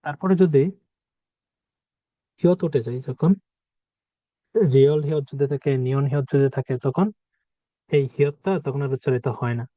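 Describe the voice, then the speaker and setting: A man's voice: fairly high pitch, steady tone, moderate pace, long pauses, no room sound. Male language teacher, patient, repeats examples; dry, phone-thin recording. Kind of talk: explaining pronunciation rules. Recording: dry, phone-like narrow sound.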